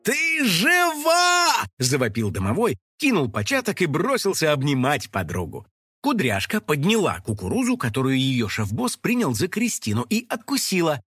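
Man, husky voice, lively swinging intonation, scripted children's story narration. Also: medium pitch, moderate pace, no echo, studio quality. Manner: animated, acting out the story.

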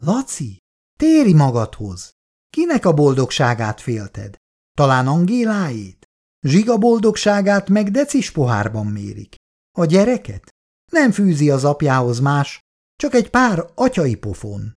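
A reader voicing Icu, a lively and outspoken young woman in a storybook reading. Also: sits low, heavily acted. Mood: urging.

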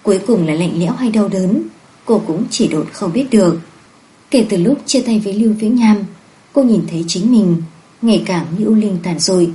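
A woman reading a romance novel aloud in steady, even scripted narration. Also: medium pitch, normal speed, poor audio. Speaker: audiobook narrator.

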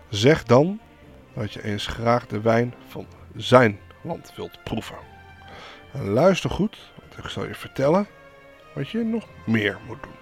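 A man's voice: mid-range voice, creaky. A man voicing an earnest young fairy-tale hero who pleads and gives urgent instructions, close to his own voice. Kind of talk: storytelling with put-on voices.

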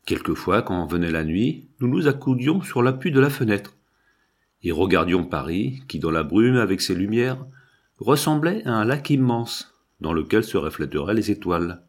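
A man narrates a novel in the first person, measured and expressive. His voice sits low and husky, and the melody swings widely as he tells the story. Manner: measured, expressive storytelling, slow at chapter headings. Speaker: audiobook narrator.

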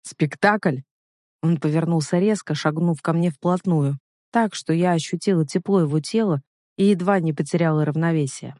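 A man reading a first-person romance story aloud, with expressive storytelling. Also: fairly high pitch, fairly quick, no echo, clean studio sound. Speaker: audiobook reader.

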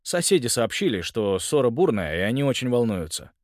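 A man's voice: medium pitch, sing-song, fairly quick, no room sound, clean studio sound, natural voice. A man voicing a lanky young policeman, the aunt's partner, in an audiobook. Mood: matter-of-fact.

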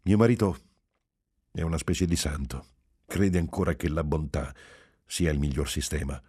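A man reading aloud voices a scornful, sharp-tongued married woman with an insultingly polite, imperious manner. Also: moderate pace, husky, heavily acted. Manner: insulting politeness, shrill when triumphant.

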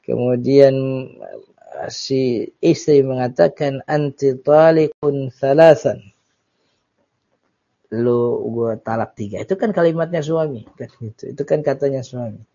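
Man teaching with a lilt. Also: medium pitch. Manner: relaxed, joking, reads Arabic then explains. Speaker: Islamic teacher. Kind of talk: casual kitab study lesson. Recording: dull lo-fi lecture recording.

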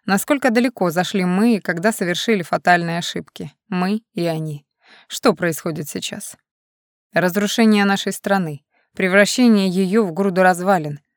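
Stern male militia leader, read by a woman, measured lecturing delivery, dry sound. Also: fairly low pitch, no echo, close to an everyday voice. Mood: reflective. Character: serious stern man, militia leader, self-assured.

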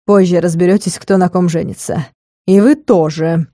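A woman's voice: lowish voice, fairly even intonation, warm tone, no room sound, clean studio sound, natural voice. A woman voicing a cold, weary male rector. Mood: cold stern. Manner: slow, measured, icy. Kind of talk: audiobook character voice.

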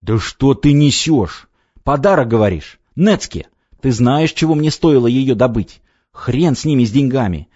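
A man reading an audiobook voices an irritable middle-aged businessman, gruff and exasperated. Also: medium pitch, very animated, normal speed, mellow, dry recording. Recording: dry, slightly dull audiobook recording.

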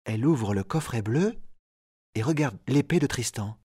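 A man reading a storybook aloud in slow, clear, even narration for learners. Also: medium pitch, dry recording, studio quality. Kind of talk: scripted audiobook narration for learners.

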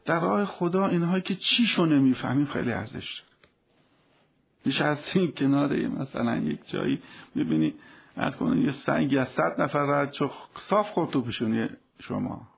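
A man speaking on religious themes with a gravelly, husky voice, his delivery fervent and preacherly. The sound is dull and lo-fi, like an old radio broadcast. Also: a little high, animated. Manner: impassioned, preacherly, rising to fervent appeals. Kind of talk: religious talk.

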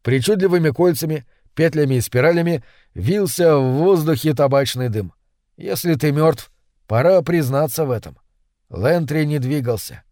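A man narrating a horror story as an audiobook reading, in steady, measured storytelling. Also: on the high side, no room sound, clean studio sound.

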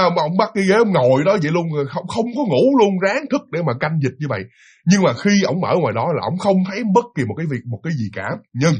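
Speaking straight to his audience, a man with a Southern Vietnamese accent spins a ghost story with animated energy. His pitch is fairly high and his voice has a husky quality.

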